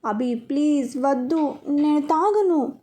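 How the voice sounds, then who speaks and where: A woman reads as a sweet young wife in a storybook romance. She speaks softly and slowly, pleading, in a high, mellow voice. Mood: sulky.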